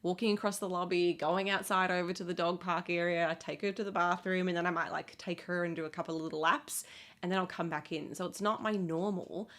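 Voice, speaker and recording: A woman's voice: lowish voice, a bit bright. A woman in her thirties, a fitness coach who moved to the States, chatting casually to camera with lots of fillers and frequent laughs. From outside the United States. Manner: chatty, laughs often, many fillers like "like" and "you know". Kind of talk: casual talking-to-camera check-in.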